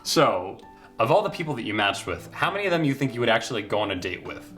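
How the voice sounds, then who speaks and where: An easygoing male host asks casual follow-up questions in a very lively, up-and-down voice. Faint music plays softly behind him. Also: medium pitch, fast. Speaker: host and interviewer. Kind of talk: casual interview.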